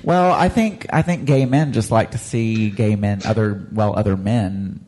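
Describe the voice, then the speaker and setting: A man's voice: on the low side, unhurried, darkish tone. A man co-hosting a podcast, chatting casually with giggly asides. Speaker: podcast co-host. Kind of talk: casual chat.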